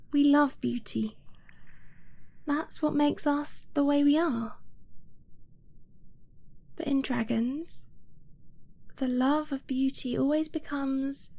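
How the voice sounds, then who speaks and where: Here a woman performs a heavily acted, high-pitched take on a loving young dragonblooded girlfriend for an intimate ASMR romance roleplay. Her delivery is hushed and breathy with hesitant pauses, and the feeling is earnest and soft.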